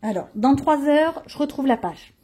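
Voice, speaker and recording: A woman's voice: sits high, lively intonation, normal speed, dark tone. A woman hosting a coloring channel, chatting casually and showing her pages, grumbling and poking fun at herself. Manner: chatty, grumbling and self-mocking.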